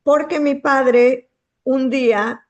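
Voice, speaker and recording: A woman's voice: high-pitched, steady tone. Reflective Bolivian woman author. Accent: Bolivian Spanish. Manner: reflective, searching for words, many filler pauses. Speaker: guest author. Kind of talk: thoughtful conversation.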